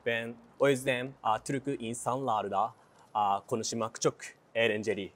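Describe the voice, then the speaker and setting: A man's voice: mid-range voice, moderate pace. A man in his thirties with a Japanese accent, chatting casually in hesitant, broken Turkish as a foreigner, in short simple phrases. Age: 30s. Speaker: interview guest, engineer. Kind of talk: casual on-camera chat. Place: outdoors, walking in a city.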